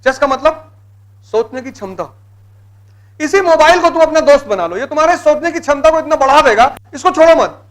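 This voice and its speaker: Very high-pitched male motivational lecturer. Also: expressive, brisk, fairly bright tone. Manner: exhorting, blunt commands, repeats key words. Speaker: motivational speaker for exam students.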